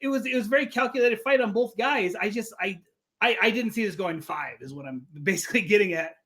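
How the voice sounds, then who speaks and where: Chatty high-voiced host rambling with "like". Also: male voice, fast, bright, forceful tone. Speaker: interview host. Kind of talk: casual interview.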